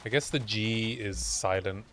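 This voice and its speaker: A man's voice: lowish voice, a little slow, a bit bright, a little hiss or hum. Man musing through his gameplay. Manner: musing aloud to himself while playing. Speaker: game streamer. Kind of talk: casual gameplay commentary.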